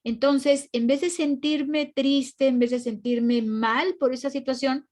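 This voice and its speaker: A woman's voice: high-pitched, fairly even intonation, slow, darkish tone. A woman, a Buddhist teacher telling a personal story in an earnest, casual way. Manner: storytelling, earnest, restarts often. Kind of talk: casual dharma talk.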